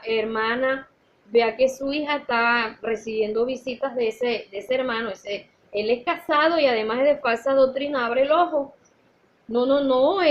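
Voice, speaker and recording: A woman with a high voice gives a Sunday school lesson in a church. She talks earnestly, weaving in personal stories and calling her listeners brothers and sisters. The recording is dull and lo-fi. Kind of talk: church teaching.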